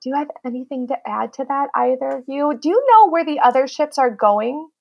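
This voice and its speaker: Host: upbeat woman, high voice with a gravelly fry, relaxed chat. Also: fairly quick, muffled recording. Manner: upbeat, conversational. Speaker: podcast host. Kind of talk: casual podcast chat.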